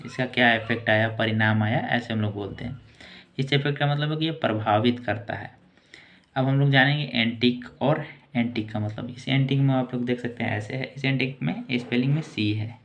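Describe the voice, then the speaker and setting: A man teaching English vocabulary in a casual, repetitive way, saying each word slowly and repeating it. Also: mid-range voice, muffled recording. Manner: slow, repetitive word-by-word explaining.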